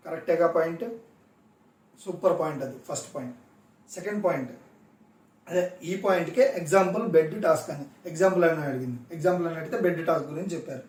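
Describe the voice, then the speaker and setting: A man's voice: fairly high pitch, fast, a little mellow, distant mic. A man reviewing a reality show in casual recap commentary, emphatic and repeating his points for stress. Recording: echoey room, voice off-mic.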